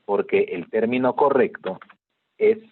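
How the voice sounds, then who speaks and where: A man with a medium-pitched, lively voice speaks at a measured pace over slight background noise. He's a patient teacher giving an online class lecture on a video call, the audio narrow and tinny. He explains things carefully and keeps checking in with "¿de acuerdo?"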